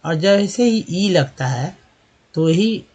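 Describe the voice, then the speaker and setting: A man's voice: high voice, expressive, takes it slowly, a little mellow, breathy edge. A man giving a spoken lesson on English pronunciation, spelling words out letter by letter and repeating them. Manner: addresses viewers as friends and asks questions to the class. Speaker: English teacher.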